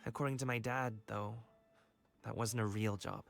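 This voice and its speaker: A man's voice: mid-range voice, steady tone, moderate pace, vocal fry, natural voice. A man voicing a friendly, carefree young wushu dancer in a video game. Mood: earnest, wistful. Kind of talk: video game character voice acting. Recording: game music behind the voice.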